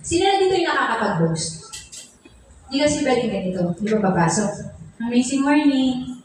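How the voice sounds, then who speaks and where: A woman's voice: fairly high pitch, sing-song, fast, background noise. A woman mentor giving a seminar training talk, playful and teasing, acting out examples for the audience. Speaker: business mentor. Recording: echoey hall, mic from far off.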